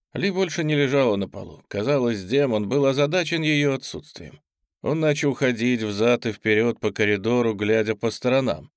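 A man narrating an audiobook in an even, measured reading voice. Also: medium pitch, no echo, clean studio sound.

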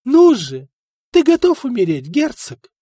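A man's voice: very high voice, wildly swooping pitch, unhurried, warm tone, slightly rough, no room sound, studio quality, voice pushed up, full character voice. Man doing an icy commanding princess. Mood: threatening. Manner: cold, firm, disdainful.

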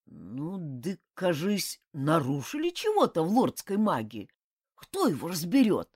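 A woman's voice: sits low, wildly swooping pitch, measured pace, darkish tone, slightly rough, no echo, studio quality, full character voice. A woman voicing a crafty old male house spirit who talks in a rustic, grumbling way in an audiobook. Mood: grumbling, folksy. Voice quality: rustic village speech, grumbling. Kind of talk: audiobook character voice.

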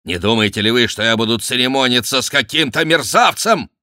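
A male reader plays a fierce count losing his temper, barking accusations and threats. His bright, forceful voice leaps high and loud in anger. It is recorded close and dry. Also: sing-song, slow, no echo, full character voice. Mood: enraged. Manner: angry, shouting, threatening. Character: furious, hot-tempered older male count, a huntsman. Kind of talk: audiobook character reading.

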